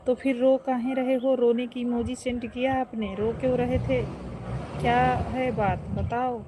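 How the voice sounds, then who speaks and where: A woman's voice: a little high, little pitch movement, normal speed. A woman hosting a live stream from outdoors, greeting viewers by name and asking after their health. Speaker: live-stream host and folk singer. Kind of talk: live-stream chat reading viewer comments. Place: outdoors at home, in the open air. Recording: noisy outdoor phone recording. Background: birds, animals and rural outdoor sounds.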